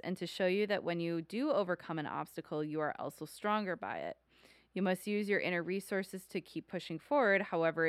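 A woman with a lowish voice talks through a casual podcast as co-host, earnest and quick to laugh. Her voice sits close and dry against the mic. She sounds like a young adult. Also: smooth, dry recording. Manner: earnest, reads aloud then laughs easily.

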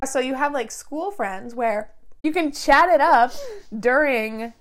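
A woman's voice: high-pitched, slow. A woman co-hosting a podcast, rambling in casual chat and filling her sentences with "like" and "literally". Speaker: podcast co-host.

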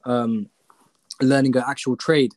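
A man's voice: medium pitch, little pitch movement, measured pace, a little mellow, no room sound. A young man with a London roadman accent chatting casually and telling personal stories in slangy street talk full of tag questions. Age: young adult. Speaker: podcast guest.

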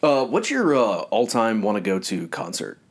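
A man co-hosting a podcast, chatting casually and telling animated stories with frequent laughs. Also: lowish voice, moderate pace. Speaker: podcast co-host. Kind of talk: casual chat.

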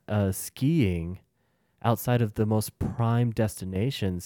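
A young man co-hosting a podcast in a relaxed, rambling chat with many restarts. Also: deep voice, dry recording, studio quality. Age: young adult. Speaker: podcast co-host. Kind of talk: casual chat.

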